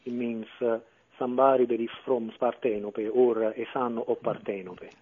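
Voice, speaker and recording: A man talks about his clarinet work in a radio interview. He speaks in a flat, even tone and keeps pausing on fillers and restarting his phrases. The sound is narrow and tinny, like a phone line. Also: medium pitch. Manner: hesitant, many fillers and restarts. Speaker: clarinetist and composer guest.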